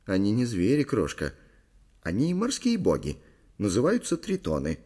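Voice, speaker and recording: A man's voice: on the low side, wildly swooping pitch, normal speed, dark tone, breathy edge, exaggerated voice. A man doing a boastful young gallant. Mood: reassuring. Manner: playful, mock-grand, reassuring. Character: boastful young man wooing his girlfriend.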